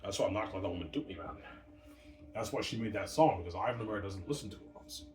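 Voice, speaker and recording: Man, 30s, deep and rambling home vlogger, swears a lot, distant mic in a boomy room with background noise. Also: racing, a little mellow, echoey room. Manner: meandering, casual, swears, argues with absent people. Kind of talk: late-night rambling monologue. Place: room at home, family upstairs.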